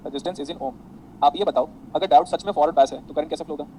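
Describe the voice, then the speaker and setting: A man teaching a classroom lecture, animated, mixing explanations with anecdotes for his students. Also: a little high, quick pace, a little hiss or hum, rough recording. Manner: animated, addresses students as beta, tells anecdotes.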